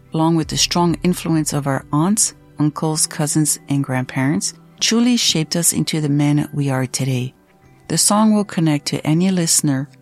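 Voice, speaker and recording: A woman hosting an interview, introducing her guest and asking earnest, measured questions. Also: low voice, a little mellow. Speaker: host.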